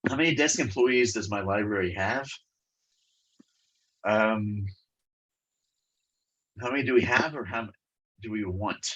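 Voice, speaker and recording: A man's voice: on the low side, fairly bright tone, lo-fi sound. A congested man giving a webinar presentation over a video call and answering questions, talking with many fillers and restarts.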